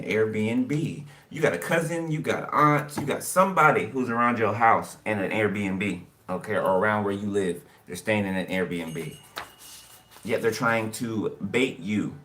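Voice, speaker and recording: A man's voice: fairly low pitch, a bit bright. A man giving a casual tarot reading, rambling and repeating "okay" and "you know" as he talks to his viewers. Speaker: tarot card reader. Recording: distant mic with background noise. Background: birds chirping.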